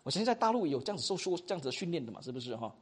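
一位马来西亚口音的男讲道老师在课堂上授课，说话生动随意，句尾常带"哈"。. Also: male voice, on the high side, very fast, breathy edge. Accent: Malaysian Mandarin. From Malaysia. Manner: animated, chatty, ends phrases with 哈. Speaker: preaching instructor. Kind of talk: classroom teaching.

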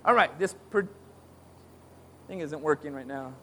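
A man's voice: a little high, measured pace, sharp tone, slight background noise. A man preaching a sermon to a congregation, asking rhetorical questions and calling for responses. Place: church hall with audience.

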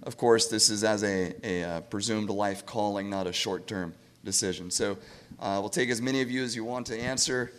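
A man with a scratchy voice moderating a panel discussion in a relaxed, conversational way. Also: lowish voice, normal speed, clean tone. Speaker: panel moderator, farm manager.

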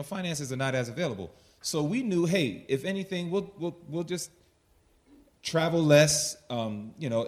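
New guy telling ministry stories, voice jumps all over, acts out his old lines. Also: medium pitch. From New York, USA. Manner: animated storyteller, acts out his own past words. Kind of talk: testimony in a ministry talk.

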